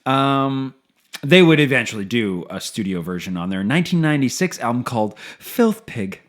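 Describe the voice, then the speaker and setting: Playful Canadian man with a lively voice. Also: normal speed. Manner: playful, jokey, bursts into high silly voices. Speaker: podcast co-host. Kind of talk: casual chat reading notes and comments.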